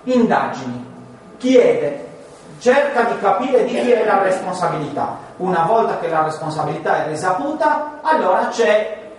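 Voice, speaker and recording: A man teaching a class on Genesis, animated and full of rhetorical questions, sometimes acting out voices. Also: high-pitched, moderate pace, a little hiss or hum. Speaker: Bible teacher. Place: large room with listeners. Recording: echoey hall, distant mic.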